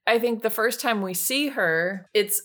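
Lively woman co-hosting a chatty podcast. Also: on the high side, a little slow. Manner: animated storyteller, acts out quotes with big shouts. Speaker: podcast co-host. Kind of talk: casual chat.

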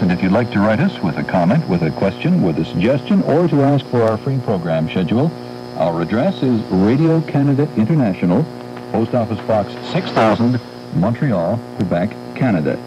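A man with a lowish voice reads out a formal station sign-off in a measured way. He comes through fading shortwave radio. The sound is muffled and buried in static and mains hum. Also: very animated. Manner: measured, reads frequencies and address. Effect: fading shortwave radio reception. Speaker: station announcer.

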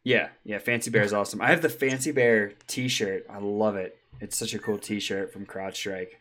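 A man's voice: lowish voice, steady tone, moderate pace, fairly bright tone. A man co-hosting a casual tech podcast, chatty, with frequent ums and easy laughs. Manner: chatty, laughs easily, many ums and restarts. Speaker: podcast co-host.

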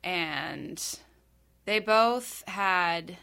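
A woman's voice: fairly low pitch, lively intonation, extremely slow, creaky, bright, forceful tone, clear, resonant tone. A woman from North Carolina in casual conversation, talking thoughtfully with many fillers and restarts. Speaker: conversation partner. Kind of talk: casual chat.

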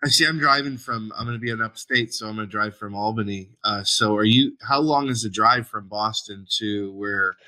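A man's voice: on the low side, a little fast, hardly any pauses, bright, forceful tone, low-quality recording. A man co-hosting a podcast, chatting casually in a rambling way with many restarts. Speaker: podcast co-host. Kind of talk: casual chat.

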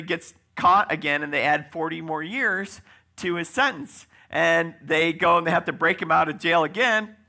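A man delivers a folksy, conversational sermon and often checks in with his listeners. His voice sits fairly high, bright and forward, with a lot of gravelly fry underneath. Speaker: preacher.

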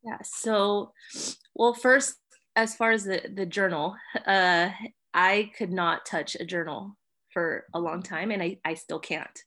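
A young woman sharing her personal story at church, hesitant and full of fillers, with soft laughs. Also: medium pitch, steady tone, takes it slowly. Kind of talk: personal testimony.

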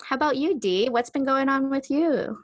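A woman's voice: high voice, normal speed, slight background noise. A woman co-hosting a casual podcast, chatting informally and often saying "like". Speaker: podcast co-host.

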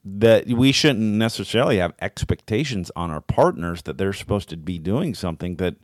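A man chats casually as a podcast co-host, thinking aloud and fumbling for words. His voice sits low but moves a lot. The sound is dry and close. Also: lively intonation, normal speed, dry recording. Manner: reflective, searching for words, lots of fillers. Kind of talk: casual conversational podcast chat.

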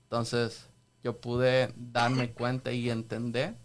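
A man from El Salvador telling his faith story on a church podcast, halting and earnest, full of restarts. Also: mid-range voice, completely flat delivery. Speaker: podcast guest sharing testimony. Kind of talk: casual church podcast talk.

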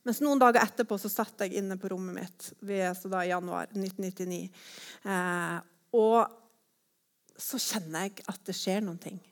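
A woman giving a personal testimony, telling her story in a lively way and acting out her own thoughts as quotes. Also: medium pitch.

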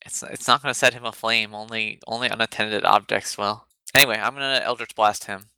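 A man's voice: on the low side, fairly even intonation, a little fast, bright, forceful tone, smooth, dry recording. A man playing a tabletop game who talks bluntly and swears. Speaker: player. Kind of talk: casual tabletop game chat.

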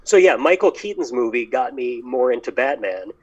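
A man hosting a podcast in casual chat, telling stories in a lively, animated way. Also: medium pitch, moderate pace. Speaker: podcast host. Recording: dull lo-fi sound.

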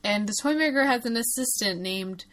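A woman's voice: on the high side, brisk, a bit bright. A woman co-hosting a podcast, chatting casually about a movie with lots of fillers and laughs. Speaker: podcast co-host.

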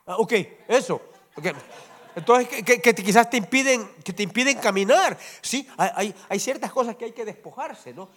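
A man preaching a sermon in church with a high voice that swoops and climbs all over. He keeps turning to the congregation for agreement, animated and conversational. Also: normal speed. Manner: animated preaching, constantly asks the congregation "¿verdad?". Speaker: pastor. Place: church service before a congregation.

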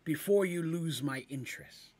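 A man voicing a huge, menacing floating eye monster in a storytelling show, speaking slowly and threateningly. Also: darkish tone, slightly rough. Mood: scheming. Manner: deep, threatening, slow.

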